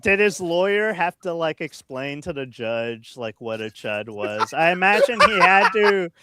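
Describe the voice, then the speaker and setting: Man, podcast host, casual chat, unhurried, laughs a lot, trails off. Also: fairly high pitch, sing-song, heavy background noise. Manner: laughs often, trails off mid-sentence.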